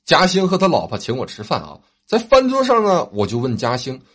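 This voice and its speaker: A man telling short comic stories in an animated, laughing way. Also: on the high side, a little fast, music in the background. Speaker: comic storyteller. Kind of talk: comic monologue.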